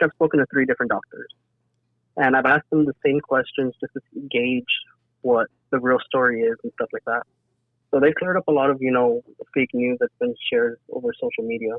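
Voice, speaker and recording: A man from south Texas, an emergency dispatcher, gives a casual personal account as a guest in a podcast interview. His medium-pitched voice comes through a thin, band-limited, phone-like line, and the recording is dry.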